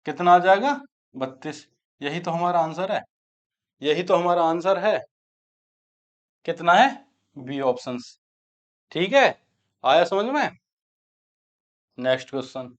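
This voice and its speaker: Male maths tutor, high voice, quizzes the class and answers himself, muffled lo-fi sound. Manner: asks students questions and answers them himself; repeats key steps aloud while writing. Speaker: maths teacher. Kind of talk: exam-prep maths lecture. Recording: dull lo-fi sound.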